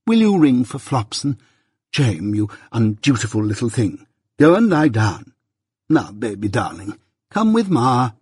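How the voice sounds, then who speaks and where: Guy doing a snooty offended lady of the house, bossy mother, rough husky voice, storybook style. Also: mid-range voice, big pitch swings, a little slow, warm tone, dry recording, studio quality. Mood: imperious. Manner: imperious, affronted. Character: haughty, indignant gentlewoman mother scolding her household.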